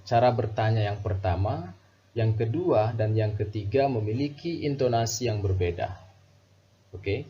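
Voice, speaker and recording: A man teaching an English grammar lesson in Indonesian, explaining slowly and repeating each example sentence. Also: fairly low pitch, expressive. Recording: dull lo-fi voice recording.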